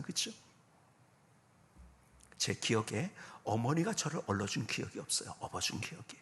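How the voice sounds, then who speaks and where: A guest pastor in his fifties delivers a revival sermon woven with personal testimony, his slightly high, creaky voice swinging from loud exclamations to soft whispers. He speaks directly to the congregation, asking them questions.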